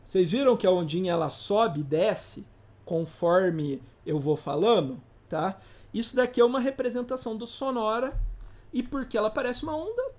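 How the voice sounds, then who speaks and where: An instructor giving a casual live class, informal and slangy, often putting rhetorical questions to the audience. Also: medium pitch. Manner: slangy, playful teaching asides.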